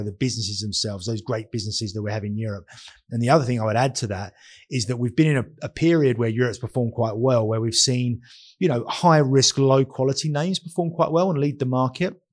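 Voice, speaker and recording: A man with a husky voice, speaking as a guest fund manager in conversational market commentary, explaining his views with careful caveats. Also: lowish voice.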